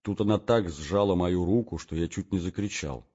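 Husky guy reading a story, wistful and dramatic, kinda lo-fi sound. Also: deep voice, normal speed, mellow. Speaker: narrator. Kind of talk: literary audiobook reading. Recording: dull lo-fi recording.

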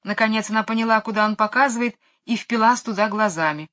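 A woman narrating a children's storybook in a lively, expressive way. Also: a little high, quick pace. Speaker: audiobook reader. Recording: dull lo-fi recording.

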